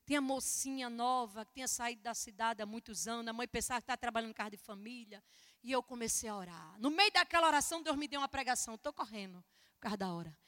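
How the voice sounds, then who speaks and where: Woman preacher, high and bright, animated testimony, church hall echo. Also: fast. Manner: animated storytelling, acting out dialogue. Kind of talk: sermon testimony. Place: church service.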